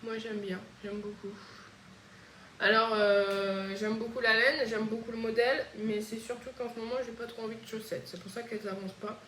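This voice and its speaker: A woman's voice: fairly high pitch, flat delivery, fairly bright tone, slight background noise. Chatty woman with a Réunion accent. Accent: Réunion French. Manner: chatty, hesitant, frequent pauses. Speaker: knitting podcast host. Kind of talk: casual chat. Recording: echoey room.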